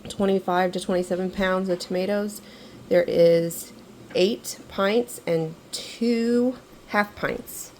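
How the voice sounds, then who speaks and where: A woman getting over an illness, talking through a kitchen canning tutorial in a relaxed, instructive way and repeating reminders. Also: medium pitch, slow pace, a little hiss or hum, rough recording. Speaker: home canning vlogger. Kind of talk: casual step-by-step kitchen tutorial. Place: home kitchen.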